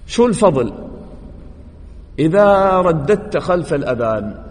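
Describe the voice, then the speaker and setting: A man teaching a religious lesson to young students, quizzing the class, praising their answers and swinging between loud emphasis and quiet asides. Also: a little high, big pitch swings, measured pace. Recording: long reverb, faint background noise.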